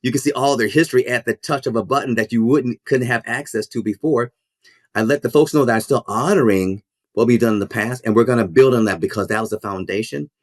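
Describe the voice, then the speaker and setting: A medium-pitched man, both a minister and a school principal, gives a podcast interview in studio-quality audio without echo. He speaks earnestly and reflectively, stopping and repeating words while he thinks.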